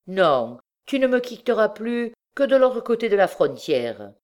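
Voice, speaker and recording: Mocking bandit husband, gruff and sly, played by a woman reader. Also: mid-range voice, big pitch swings, measured pace, a little mellow, pitched above the performer's own voice. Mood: domineering. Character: coarse scheming male bandit husband.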